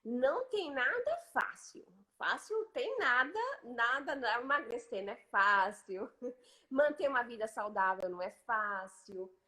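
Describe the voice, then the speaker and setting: A woman's voice: fairly high pitch, expressive, measured pace, bright, forceful tone. A Brazilian woman hosting a casual live chat, talking emphatically and eagerly repeating her agreement. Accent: Brazilian Portuguese. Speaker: host.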